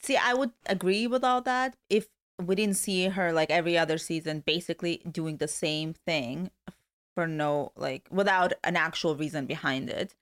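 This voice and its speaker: A woman's voice: lowish voice, fairly even intonation, normal speed, fairly bright tone. A young woman co-hosting a podcast in casual, blunt chat, laughing often. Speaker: podcast co-host.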